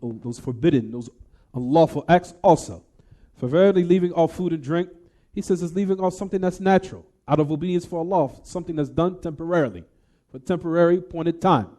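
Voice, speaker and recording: An American man teaches an Islamic lesson, reading and explaining a text and then taking questions. He explains emphatically, repeating and rephrasing points and addressing listeners directly, in a warm voice on the high side.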